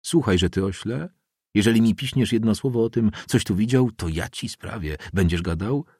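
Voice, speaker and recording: Mężczyzna czytający głosem surowego, władczego księdza prefekta, szorstko i chłodno spokojnie. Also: male voice, on the low side, normal speed, no echo, studio quality. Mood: stern. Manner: gruff, coldly calm, scolding. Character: stern, imposing older male priest prefect.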